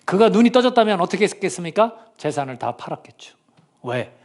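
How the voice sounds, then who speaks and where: A middle-aged man preaching a sermon as pastor, earnest, swinging between loud pleas and hushed near-whispers. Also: sits high, big pitch swings, a little fast. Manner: acts out quoted voices of people and prayers.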